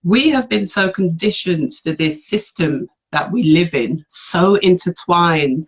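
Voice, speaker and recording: A woman's voice: fairly low pitch, animated, a little slow, husky. A woman hosting a live video chat, chatty and supportive, turning to speak to viewers. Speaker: host.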